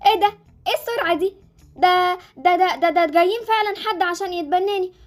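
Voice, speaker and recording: A woman voicing a cheeky, impatient young orphan girl in a Roblox story, speaking with an Egyptian accent in a high, childlike, mouthy voice. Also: fast, soft background music. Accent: Egyptian Arabic.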